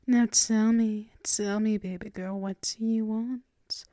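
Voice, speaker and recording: A woman's intimate ASMR roleplay casts her as a gentle, doting dominant girlfriend with a teasing streak, often murmuring soothing, affectionate whispers near the mic. She uses a mid-range voice with fairly even intonation, taking it slowly, and there's no echo.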